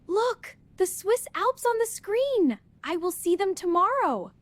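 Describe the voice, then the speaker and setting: A woman playing an excited young tourist, narrating a beginner English lesson with very slow talking in short simple sentences. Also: very high-pitched, dry recording, exaggerated voice.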